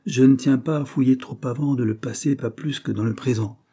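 A man's voice: mid-range voice, fairly even intonation, a little fast, warm tone, breathy edge, pitched above the performer's own voice, natural voice. A man voicing a stern, dignified employer who speaks in a cold, formal and curt way.

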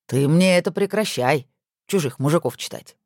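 A woman's voice: low voice, expressive, normal speed, a little mellow, no room sound. A woman voicing a teasing, self-important rich husband on the phone, with dry mock-pompous humor.

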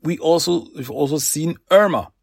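A man's voice: fairly high pitch, normal speed, creaky, no echo, clean studio sound. A man hosting a podcast who casually recaps comic book issues, rambling and acting out quoted lines with many fillers. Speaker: podcast host.

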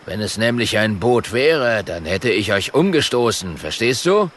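A man voicing a big grumpy hippo in a storybook audio play, talking in a gruff, grumbling way. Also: lowish voice, sing-song, measured pace, a bit bright, a little hiss or hum.

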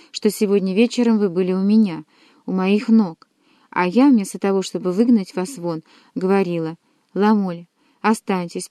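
A woman's voice: medium pitch, mellow, dry recording, natural voice. A woman voicing a young queen who teases and reproaches her lover. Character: young queen, teasing and commanding.

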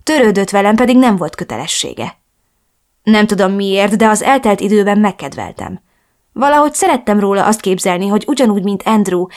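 A woman narrating a first-person romance novel in a soft, reflective reading voice. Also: mid-range voice. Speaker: audiobook narrator.

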